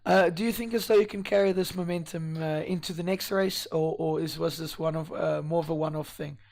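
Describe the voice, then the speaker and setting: A man with a fairly high, wheezy and strained voice works as a live esports commentator. He interviews drivers after the race, feeling his way through questions with many halting pauses. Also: fairly even intonation, vocal fry, a little mellow.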